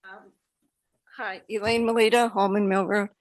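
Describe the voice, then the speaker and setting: A woman with a New York accent giving public comment at a township meeting, halting with many fillers and restarts. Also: mid-range voice, little pitch movement, no echo.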